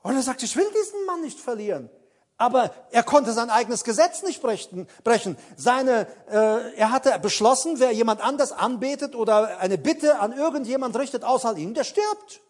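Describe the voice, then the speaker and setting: A man's voice: extremely high pitch, animated, moderate pace. A man preaching a sermon, speaking dramatically and addressing his listeners directly, with fillers when he recalls details. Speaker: pastor.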